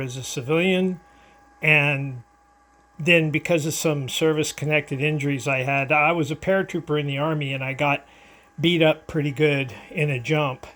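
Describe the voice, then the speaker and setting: An older American amateur radio operator, his voice on the high side, steady and a bit bright at normal speed, chats casually over ham radio, trading callsigns and handovers. He's easygoing, rambling and hesitant, filming himself indoors at his radio.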